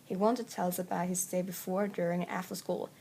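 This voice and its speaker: A woman's voice: on the low side, steady tone, fast talker, vocal fry, mellow, slight background noise. A teenage girl with a Swedish accent reads a school presentation in English, with small slips. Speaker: student presenter. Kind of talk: school presentation read aloud.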